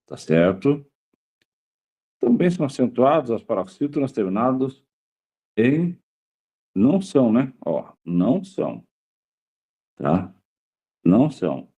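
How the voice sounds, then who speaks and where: A man's voice: medium pitch, sing-song, takes it slowly, pauses often, mellow. A male teacher giving a grammar lesson to a class, repeating key words and checking in with the students after nearly every point.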